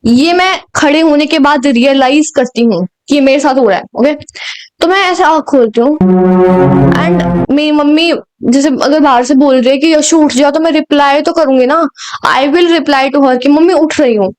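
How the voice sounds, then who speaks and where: A woman's voice: high-pitched, normal speed. A young woman from India telling a personal story in a chatty, dramatic way, slipping into English now and then and often laughing at herself. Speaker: storyteller vlogger. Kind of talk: casual storytime vlog.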